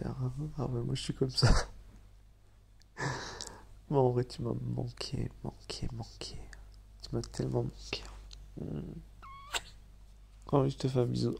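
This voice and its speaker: A man with a nasal, slightly hoarse voice, speaking softly and hesitantly in a whispered role-play. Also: medium pitch. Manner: hesitant, soft, apologetic, with many fillers and soft laughs.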